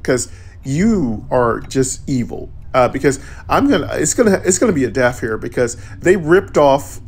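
A man's voice: medium pitch, very animated, normal speed, darkish tone, breathy edge. A man giving casual, slangy, offhand commentary as he plays through a game. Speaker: video game player and commentator. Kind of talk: casual let's-play commentary.

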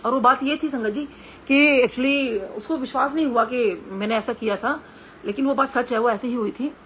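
A middle-aged woman with an Indian Hindi accent leads a devotional satsang talk. She speaks in a slightly high voice, earnest and conversational, pausing and restarting as she tells her stories. A faint hiss of noise sits under the recording. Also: fairly bright tone.

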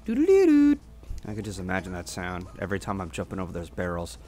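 A man doing casual gameplay commentary as a streamer, excitable and foul-mouthed. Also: low-pitched, rapid-fire. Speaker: game streamer. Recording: game music behind. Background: video game music.

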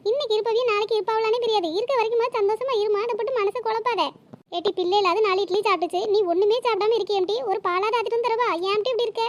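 A woman voicing a caring elder sister-figure in a cartoon, who coaxes and scolds with a very high, squeaky voice. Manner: fussing, coaxing, motherly scolding. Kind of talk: cartoon voice acting.

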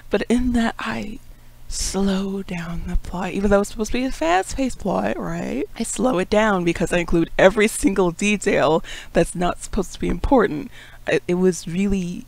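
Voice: mid-range voice, gravelly, no echo, low-quality recording. A webcomic creator in a casual, rambling vlog monologue, self-critical and laughing often. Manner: calls own rising talk a puppet voice.

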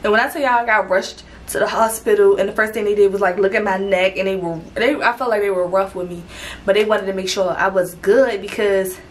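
A woman's voice: mid-range voice, a little hiss or hum, low-quality recording. A young adult woman vlogging casually to camera, chatty and rambling, with fillers and restarts, a little out of breath.

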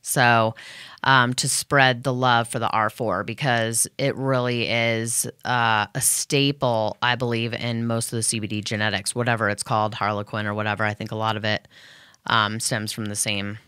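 Low, bright-toned woman radio host. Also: level tone, moderate pace, smooth, no room sound, studio quality. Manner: rambling, many fillers and restarts. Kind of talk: casual thank-you to sponsors.

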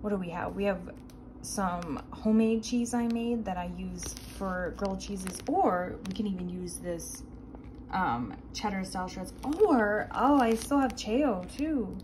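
A woman's voice: mid-range voice, a little slow, a little mellow. A young woman chatting casually as she shows her groceries to a phone camera, rambling with lots of fillers and asides. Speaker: vegan grocery haul vlogger. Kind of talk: casual chat. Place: indoors at home. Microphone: handheld phone filming products. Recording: noticeable background noise.

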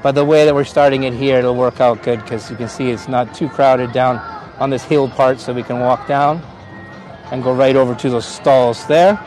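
A middle-aged Canadian tour guide with a Canadian accent live-streams casually from an outdoor hilltop park, laughing often and greeting viewers by name. His mid-range voice is steady, moderately paced, and a little mellow. The recording, made on a phone on a gimbal at arm's length, is low quality, with faint music behind.

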